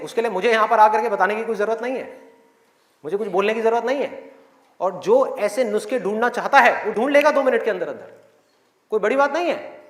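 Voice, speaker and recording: A man giving a motivational session to a live audience in a hall, full of rhetorical questions and acted-out voices. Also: high-pitched. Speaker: motivational speaker. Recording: echoey hall with faint crowd.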